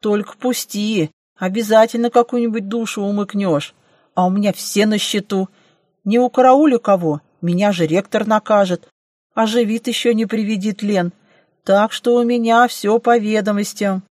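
A woman's voice: medium pitch, steady tone, normal speed, darkish tone, no room sound, studio quality, natural voice. A woman voicing a grumpy old hunchbacked gatekeeper. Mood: scolding. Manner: scolding, fussy, bureaucratic. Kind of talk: audiobook reading.

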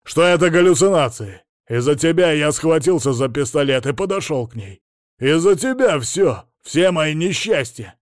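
Brief: audiobook, a man doing a gruff, quick-tempered guy who grumbles and yells, dry close recording. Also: mid-range voice, dry recording, lightly acted. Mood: shouting. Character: irritable middle-aged man, a suspected widower, quick to explode.

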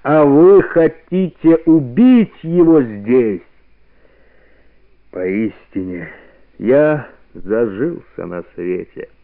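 A man voicing an aging, proud male wolf leader in a radio play, speaking in a measured, dignified way on a narrow-band old radio recording. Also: mid-range voice, lively intonation. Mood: stern, solemn. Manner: measured, dignified, rising to solemn force.

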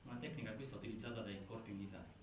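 A man with a lowish voice, lightly acted, plays a grave narrator recounting a prison death inquiry, stressing findings and pausing haltingly in a theatrical documentary style. His tone is grave and insistent. The stage performance was captured from afar indoors, so the recording is distant, echoey and noisy.

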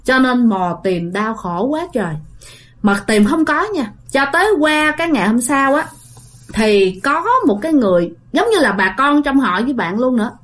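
Speaking at a normal pace with a fairly high, expressive voice, a woman relates a ghost story. Her manner is relaxed and conversational, full of fillers, and she addresses the audience straight on.

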